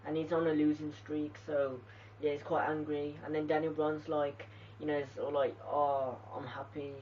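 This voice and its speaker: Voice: mid-range voice, little pitch movement, normal speed, darkish tone, slight background noise. Rambling show reviewer on a distant lo-fi mic. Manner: rambling, lots of "like" and "you know". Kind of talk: casual spoken recap.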